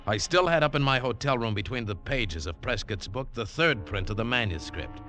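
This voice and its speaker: Playing a tough, suspicious American treasure hunter, this man serves as lead actor and narrator in terse, hardboiled 1940s radio fashion, intense and brooding in mood. His medium-pitched, expressive voice moves at a moderate pace and sounds close to everyday speech, heard over music in an old 1940s broadcast.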